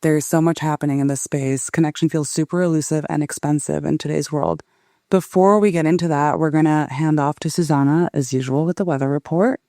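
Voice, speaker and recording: Hoarse woman hosting with laryngitis. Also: sits low, fairly even intonation, brisk, warm tone, no echo, studio quality. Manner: playful, upbeat hosting. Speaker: podcast co-host. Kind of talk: casual chat. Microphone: remote from the studio.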